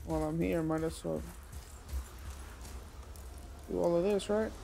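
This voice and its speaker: A woman's voice: on the low side, steady tone, a little slow, gravelly, over music. A woman giving casual gameplay commentary, chatting to the game characters and reading menu text aloud. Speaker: let's play gamer.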